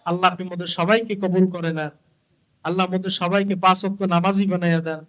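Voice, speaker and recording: A man's voice: sits high, steady tone, fairly bright tone, poor audio. A male preacher, delivering a chanted, emotional sermon to a gathering and calling out to the crowd. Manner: sing-song, calls out to the crowd, drawn-out chanted lines. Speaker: Islamic preacher.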